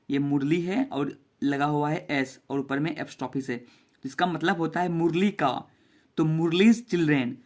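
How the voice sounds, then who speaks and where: A man's voice: fairly high pitch, darkish tone. A man teaching a basic English reading lesson to children, spelling each word out letter by letter and repeating it. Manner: spells words letter by letter and repeats them slowly.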